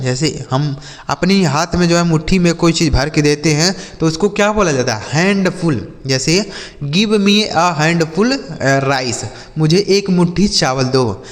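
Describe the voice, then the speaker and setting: Guy teaching english words, spells them out and keeps asking the kids, voice rings on in a big echoey space. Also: a little high. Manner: spells words letter by letter, repeats and quizzes the children. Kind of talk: spoken English vocabulary lesson. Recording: long reverb, roomy sound.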